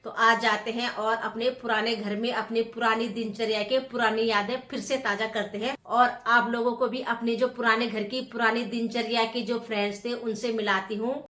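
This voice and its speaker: Chatty woman vlogger, light high voice. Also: level tone, normal speed, hardly any pauses, fairly bright tone. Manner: chatty, laughs often, teasing friends. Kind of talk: casual vlog narration. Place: walking around a neighbourhood, indoors and out.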